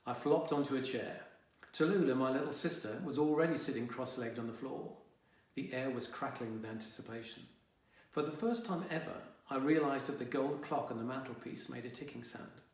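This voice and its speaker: A medium-pitched man, talking a little fast and recorded far from the mic in a very echoey, reverberant room, reads a first-person young adult audiobook. With light acting, he voices a sullen, indignant fifteen-year-old boy grumbling through his own story in a wry, dramatic, exasperated way. The mood is wry and uneasy.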